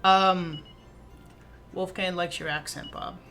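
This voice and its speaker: A woman with a Minnesotan accent chats casually and playfully while streaming a game, with game music playing behind her. Her voice is lowish, with fairly even intonation and a slow pace.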